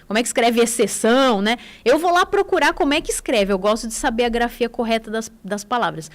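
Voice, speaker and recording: A woman's voice: on the high side, fast talker. A Brazilian woman in her forties, an English teacher, talking casually on a radio show with enthusiasm and frequent tag questions.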